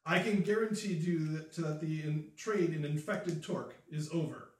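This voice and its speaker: A man playing a scheming male usurper noble who speaks in a low guttural growl. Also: normal speed, lightly acted. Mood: gracious. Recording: roomy, distant mic.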